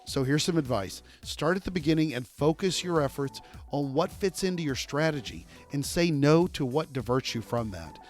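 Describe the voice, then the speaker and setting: A man's voice: fairly high pitch, expressive, faint music behind. Male podcast host with playful quiz patter. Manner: playful quiz questions, then measured advice. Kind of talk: casual interview and scripted recap.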